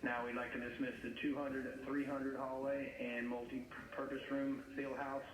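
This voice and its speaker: Man on a school intercom, flat and echoey. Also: medium pitch. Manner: flat, measured announcing with fillers. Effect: school intercom loudspeaker. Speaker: school administrator making announcements. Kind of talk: public address announcement. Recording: echoey loudspeaker heard from far off over a crowd.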